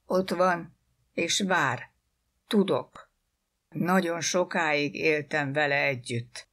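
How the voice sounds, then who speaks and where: A woman reading a story aloud, voicing a frightened servant woman in a low, hushed, slow voice. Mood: fearful.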